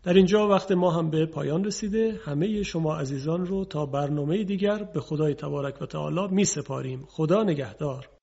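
A man with a slightly high, husky voice leads a televised Quran recitation lesson. He explains each rule patiently and then drawls the examples slowly. The audio sounds a little dull, as from a broadcast. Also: mellow.

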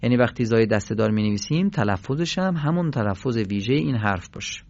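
A man's voice: medium pitch, lively intonation, vocal fry, a little mellow, dry recording, lo-fi sound. A man teaching Quran pronunciation on a radio program, explaining sounds patiently and repeating them for drills. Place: radio studio.

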